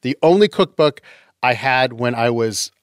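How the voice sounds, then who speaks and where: A man's voice: medium pitch, lively intonation, measured pace, smooth, no echo. Dry, matter-of-fact man in casual chat. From Canada, raised in Utah. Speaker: podcast co-host.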